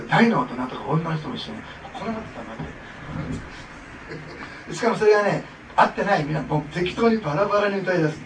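A male pastor preaching a sermon with fervent, expressive delivery, often breaking into laughter. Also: fairly high pitch. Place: church sanctuary. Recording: echoey hall from a distance with noise.

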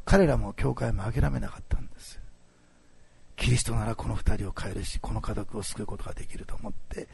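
Gravelly, fast-talking male pastor preaching. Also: medium pitch, no echo. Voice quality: gravelly, husky. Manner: animated, swings between loud and hushed. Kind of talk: sermon with storytelling.

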